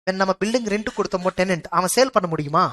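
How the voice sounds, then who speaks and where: A woman's voice: medium pitch, racing, a bit bright. A woman with a Tamil Indian accent lecturing a class, emphatic and repetitive, often checking understanding with rhetorical questions. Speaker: audit exam teacher.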